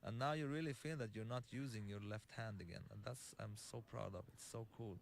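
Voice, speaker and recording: A man giving developer commentary on his own game, halting and full of fillers and restarts. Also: on the low side, creaky, background noise.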